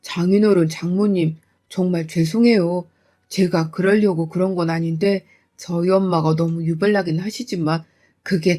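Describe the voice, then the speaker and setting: A woman's voice: fairly low pitch, mellow, pitched below the performer's own voice, natural voice. A woman voicing a meek young husband who pleads and apologizes.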